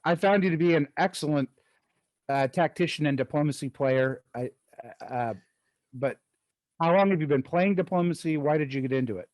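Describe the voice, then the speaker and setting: A man hosting a podcast, interviewing a guest in a halting way with restarts and fillers. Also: fairly high pitch, darkish tone, dry recording. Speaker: podcast host.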